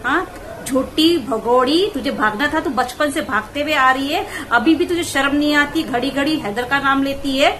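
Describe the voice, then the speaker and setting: High-voiced woman scolding in commentary. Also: bright, forceful tone, a little hiss or hum, poor audio. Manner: mocking, scolding, rapid rants. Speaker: vlogger.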